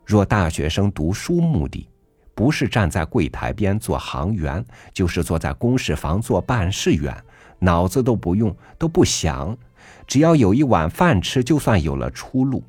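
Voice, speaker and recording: A man reading a literary essay aloud for a podcast, measured and earnest, rising emphatically on rhetorical questions. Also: low voice, big pitch swings, dry recording. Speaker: podcast reader. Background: soft background music.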